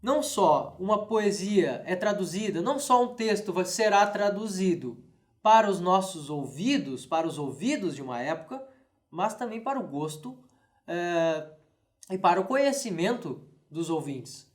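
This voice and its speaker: A man's voice: high voice, lively intonation, normal speed. A man with a Brazilian Portuguese accent giving an online classics lesson, explaining patiently with frequent "né?" and "tá?" and reading verses aloud in a rhythmic chant. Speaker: classics teacher.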